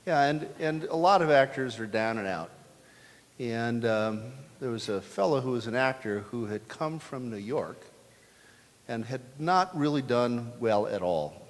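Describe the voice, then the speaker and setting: A man's voice: mid-range voice, animated, a little slow. A man telling rambling, folksy jokes to a church congregation. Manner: rambling, folksy, with fillers and restarts. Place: church sanctuary. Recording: long church reverb.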